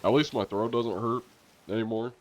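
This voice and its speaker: On a live game stream, a man chats casually with his viewers, sounding congested and coughing now and then. He's chatty and laughs easily, with a medium-pitched, steady voice.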